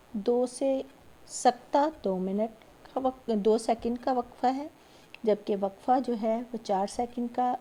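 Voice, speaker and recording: Woman teacher, warm dark tone, recorded lecture, patient, repetitive. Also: a little high. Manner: patient, repeats key points, frequent check-ins. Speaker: school teacher.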